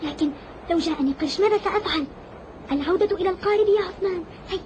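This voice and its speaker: A woman voicing a frightened, devout young boy lost at sea in an animated film, praying aloud and pleading. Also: extremely high pitch, racing. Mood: anxious. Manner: prays aloud, pleading and earnest. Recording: noisy soundtrack background.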